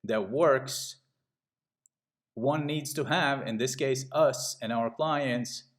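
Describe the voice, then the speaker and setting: Moving slowly through trading charts, a middle-aged trading channel host from Latvia delivers a casual, pushy sales pitch. He repeatedly checks in with listeners by asking "okay?".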